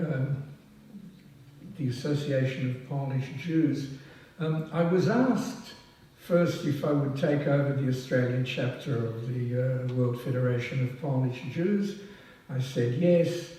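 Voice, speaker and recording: An older man from France, a past president being honoured at a society oration, speaks in a large, very echoey hall at a public event while the audience laughs. His slightly high voice has a warm tone, and he sounds a little distant from the mic. His speech is slow, halting and self-deprecating, with many ums and restarts.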